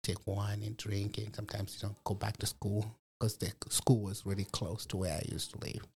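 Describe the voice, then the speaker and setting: Gravelly man sharing his story. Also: fairly low pitch, flat delivery, moderate pace, darkish tone. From Malawi. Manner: reflective, many fillers like "you know". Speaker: program resident guest. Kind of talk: personal testimony interview.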